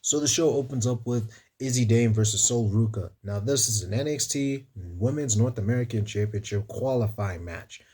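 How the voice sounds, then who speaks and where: Male reviewer, dark husky voice, loose and playful solo recap. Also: mid-range voice, normal speed, hardly any pauses. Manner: chatty, playful, talks to viewers as "y'all". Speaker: wrestling show reviewer.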